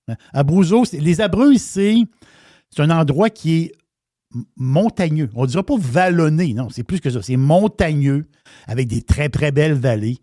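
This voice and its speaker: A man's voice: fairly high pitch, dark tone, no room sound, clean studio sound. A middle-aged man with a Québécois accent, chatting casually as a radio wine columnist, repeating words and using slangy phrasing. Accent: Québécois French.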